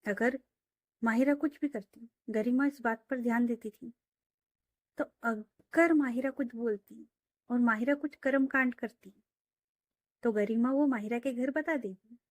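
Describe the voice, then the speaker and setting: A woman's voice: on the high side, a little slow, no room sound. A woman telling a romance story in a casual, chatty way, full of fillers, into a close mic.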